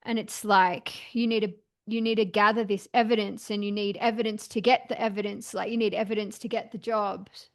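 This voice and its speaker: A woman's voice: medium pitch, little pitch movement, fairly quick, hardly any pauses. A young adult woman opening up candidly in a therapy session, hesitant and searching for words, with frequent "like" and restarts. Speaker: podcast host and client.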